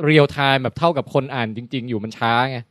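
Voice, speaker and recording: A man's voice: medium pitch, fast talker, dry recording, clean studio sound. A man co-hosting a casual podcast chat, telling stories and acting out what people said. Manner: animated storyteller, acts out quotes. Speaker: podcast co-host.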